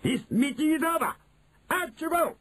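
A storyteller voicing an imperious, venomous witch leader in a children's storybook, with drawn-out, screeching commands. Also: high-pitched, lively intonation, a bit bright, pitched above the performer's own voice. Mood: dismissive.

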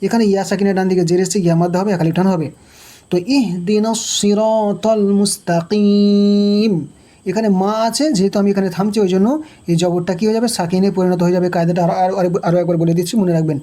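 Woman, Quran teacher, patient syllable drilling, mellow tone, slow chanting between explanations. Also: lowish voice, steady tone. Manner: slow melodic chanted recitation. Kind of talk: spelled-out recitation lesson.

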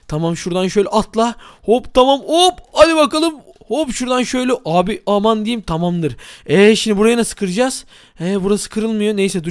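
A young man talks fast through a game, with a high-pitched voice full of exclamations aimed at his viewers. The dry sound sits right on the mic, like a close desk setup. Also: dry recording. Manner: excitable, addresses viewers, frequent exclamations. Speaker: gaming YouTuber. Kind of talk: excited game commentary.

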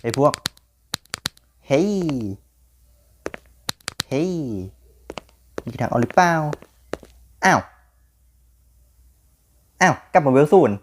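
A man's voice: a little high, expressive, drawn-out words, pauses often, noisy background. Jumpy young man narrating a horror game. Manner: jumpy, exclaims and repeats words when scared. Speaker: gaming YouTuber. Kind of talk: horror game let's play commentary.

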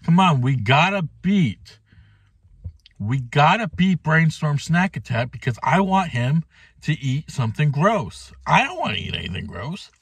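Sitting in a car, a man in his thirties eats and talks casually to camera for his mukbang food vlog, recorded on a phone or camera at arm's length. He speaks at a measured pace in a sing-song voice on the high side, creaky and slightly rough, with no echo.

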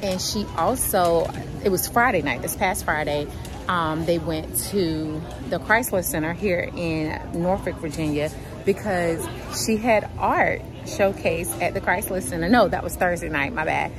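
A woman's voice: fairly low pitch, measured pace, over music. A young woman chatting casually to her viewers in a vlog from a store, using informal slang. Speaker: vlogger. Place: store and mall, indoors.

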